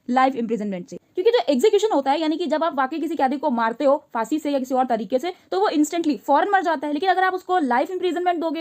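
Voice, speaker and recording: A woman teacher explaining a story line by line. She reads each English line slowly, then explains it in chatty Hindi and asks her listeners questions. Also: high-pitched, a little mellow.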